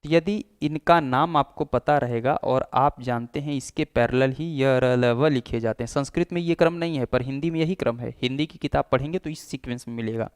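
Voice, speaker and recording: A male teacher giving a lecture. His voice is smooth and resonant, close to the mic. The recording is dry, with no room echo. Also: mid-range voice, brisk, hardly any pauses. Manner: explanatory, demonstrates sounds aloud. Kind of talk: classroom lecture.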